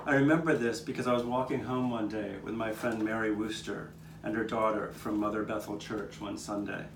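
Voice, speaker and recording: A man with a lowish, steady, natural voice, going a little fast, narrates a puppet show as a 19th-century Philadelphian earnestly recalling his neighbors' hardships. Now and then he stumbles over the scripted first-person story. The live outdoor-courtyard performance is recorded from a distance, roomy and with noticeable background noise.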